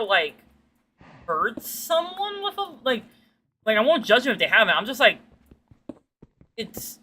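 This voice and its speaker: This is a fairly deep-voiced woman streaming a game and chatting casually with her viewers. She rambles through animated stories full of slang and swearing, acting out people's lines. A little hiss or hum sits under the recording.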